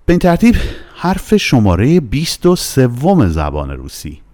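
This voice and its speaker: A man giving a casual spoken language lesson, playful and animated, repeating each sound slowly for practice. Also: medium pitch. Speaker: Russian language teacher.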